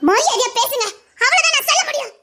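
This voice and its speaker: A woman's voice: very high-pitched, quick pace, heavy background noise. A woman voicing a bold young female college student in an audio drama, firing back at bullies and later crying for help. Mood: defiant. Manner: fierce retorts, then pleading and sobbing. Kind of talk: Tamil audio drama acting.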